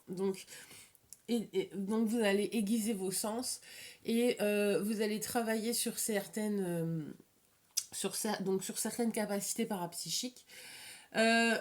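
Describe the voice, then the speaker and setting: A woman's voice: medium pitch, fairly even intonation. Lisping woman giving an informal card reading. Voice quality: slight lisp, slushy sibilants. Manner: halting, repeats and rephrases words. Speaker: tarot and oracle card reader. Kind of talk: informal, improvised card reading addressed to viewers.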